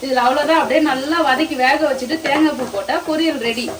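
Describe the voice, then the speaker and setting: Quick, chatty woman vlogging in a roomy kitchen. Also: high voice, a crowd in the background. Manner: chatty, addresses viewers as friends. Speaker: cooking vlogger. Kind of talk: casual cooking walkthrough. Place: home kitchen.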